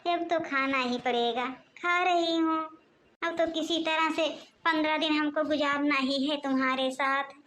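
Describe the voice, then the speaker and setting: A woman's voice: high-pitched, fairly even intonation, a little slow, fairly bright tone. Woman voicing a grumbling old cartoon mother-in-law. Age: older. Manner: complaining, nagging, muttering plots to herself. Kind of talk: cartoon voice acting.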